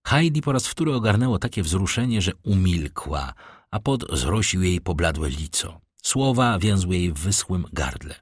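A man reading a classic novel aloud as an audiobook narrator, with expressive, dramatic storytelling. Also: low-pitched, moderate pace, breathy edge, no room sound, studio quality.

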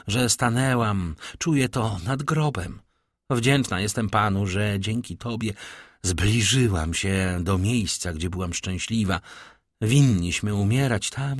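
A man's voice: on the low side, a little slow, dry recording, studio quality. A man reading the lines of a grieving, self-reproaching woman of about forty in an audiobook.

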